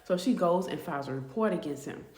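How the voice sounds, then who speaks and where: A woman telling a storytime tale in a casual, animated way, acting out the people in it. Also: on the low side, fast talker, echoey room. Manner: animated, acts out the quoted voices.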